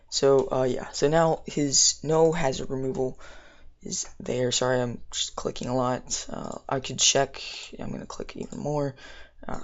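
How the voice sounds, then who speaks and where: A man's voice: mid-range voice, dull audio. A young man giving casual live game commentary, rambling and thinking aloud in slang, with slightly impeded speech as if wearing something in his mouth. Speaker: gamer narrating own battle.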